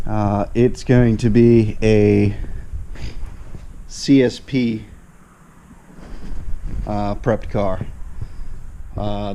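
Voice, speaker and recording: A man's voice: on the low side, slight background noise. A man with a stuffy, nasal voice from a cold, casually talking a vlog audience through his car in a shop, with lots of fillers. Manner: relaxed, halting, with many fillers. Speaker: car channel host.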